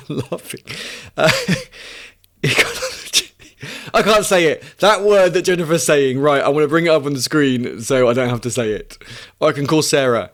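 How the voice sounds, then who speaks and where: A man in his thirties, with a voice on the low side, hosts a casual live stream and answers questions from chat. He thinks aloud, restarting often and laughing at himself.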